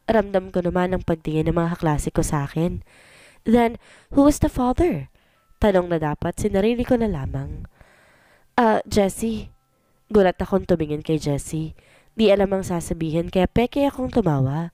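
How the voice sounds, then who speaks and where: Mellow-voiced woman narrating a story. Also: lowish voice, fairly quick, no room sound. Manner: emotional, expressive. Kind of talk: scripted story narration in first person. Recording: faint background music.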